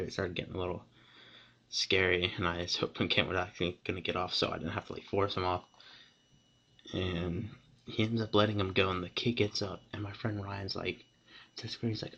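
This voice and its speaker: A teenage boy tells a story straight to his camera, rambling and excited, tripping over restarts and fillers. His voice sits low with a gravelly fry. The audio is dull and lo-fi, like a cheap webcam. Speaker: vlogger.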